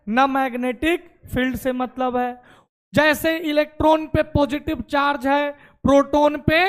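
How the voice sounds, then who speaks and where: A man teaching chemistry to a classroom of students. He explains step by step and keeps asking the class questions. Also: extremely high pitch.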